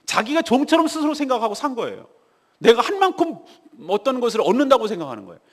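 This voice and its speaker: A man's voice: extremely high pitch, wildly swooping pitch, fast talker. A man preaching a morning devotional sermon as pastor, speaking emphatically and putting rhetorical questions to the congregation, in a church with a long reverb. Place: church sanctuary.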